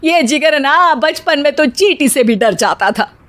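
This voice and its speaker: A woman plays a bossy Indian mother-in-law for a Hindi cartoon tale. She speaks in a high voice, scolding and exclaiming with sarcasm. Underneath the bluster she is easily frightened. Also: animated, a little slow, fairly bright tone. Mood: sarcastic scolding. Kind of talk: Hindi cartoon story voice acting.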